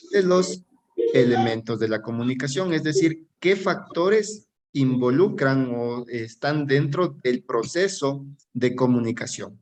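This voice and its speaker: A man's voice: mid-range voice, a little mellow, a little hiss or hum, rough recording. A male teacher with an Ecuadorian accent leads an exam-prep class. He works through each answer step by step and keeps checking in with rhetorical questions. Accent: Ecuadorian Spanish.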